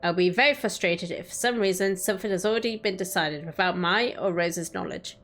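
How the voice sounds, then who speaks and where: A woman's voice: fairly low pitch, brisk. A woman streamer reading a story aloud in a dramatic narrating style. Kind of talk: dramatic story narration with casual chat asides. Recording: background music under the voice. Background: quiet music.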